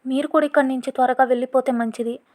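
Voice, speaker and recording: A woman's voice: high voice, fairly even intonation, fast, a little mellow, lightly acted. A woman voicing a grieving young widow who speaks with restrained sorrow in an audio story. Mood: sorrowful.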